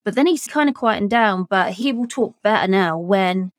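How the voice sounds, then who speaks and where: A woman's voice: mid-range voice, animated, normal speed, no room sound, studio quality. A woman who keeps a parrot, chatting at length in a casual group conversation. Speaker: parrot owner.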